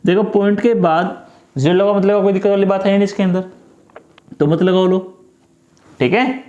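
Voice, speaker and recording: Male tutor, high-pitched, patient step-by-step explainer, echoey room. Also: steady tone, normal speed, darkish tone, muffled recording. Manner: repetitive, coaxing, talks through each step. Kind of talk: step-by-step math lesson.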